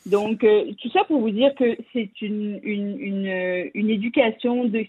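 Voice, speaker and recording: A woman's voice: mid-range voice, measured pace, slightly rough. A woman with a French accent calling in to a radio show, telling a story with many fillers and restarts. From France. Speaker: caller. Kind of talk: radio call-in chat. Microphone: phone. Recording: tinny phone line.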